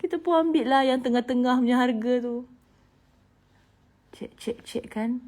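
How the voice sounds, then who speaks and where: A woman in her thirties with a Malaysian Malay accent, telling a personal story in a vlog, emotional and animated, dropping to hushed whispers and rising to loud bursts. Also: fairly high pitch, unhurried. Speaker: singer.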